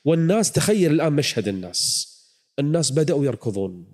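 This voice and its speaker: A man telling a prophet's story as a preacher, dramatic, moving from hushed tones to loud pleading. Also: fairly high pitch, sing-song, fast. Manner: dramatic, swings from hushed to near-shouted pleading. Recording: long hall reverb.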